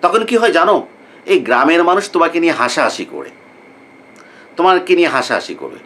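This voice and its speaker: A male economics lecturer from Bangladesh gives students an informal talk in a slightly high, sing-song voice with a sharp tone. He is repetitive and rhetorical, often pausing mid-sentence on a questioning "what" before finishing his thought.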